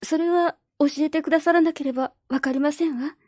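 Storybook role: polite orphan girl, read by a woman, raised bright pitch, formal speech. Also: fairly even intonation, a little fast, no echo, clean studio sound, close to an everyday voice. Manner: polite, soft-spoken, formal. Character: polite orphan girl, grieving but resolute.

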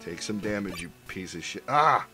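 A man in his thirties giving sarcastic, profane game commentary with a sick, rough voice. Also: on the low side, steady tone, normal speed, over music. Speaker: let's play commentator. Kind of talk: gameplay commentary.

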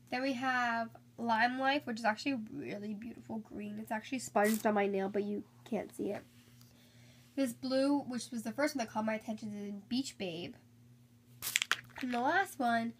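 A young woman with a fairly high voice does a casual shopping haul chat, filming items on a bed at home on a handheld phone. She's slightly congested from a cold, upbeat and talkative with plenty of fillers, and a little hiss or hum sits under the audio.

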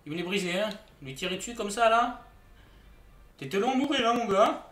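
A man's voice: high-pitched, animated, a little fast, fairly bright tone, echoey room, recorded from a distance. A man streaming a shooter game, chatting casually with his viewers and joking in mock outrage. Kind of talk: casual live-stream commentary.

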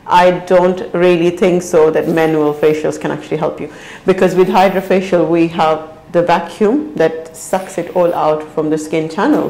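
A woman in her thirties, a clinic practitioner, explaining a facial treatment to camera on a lapel mic in a bright clinic room. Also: lowish voice, roomy sound, rough recording. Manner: fluent, explanatory, fond of "basically".

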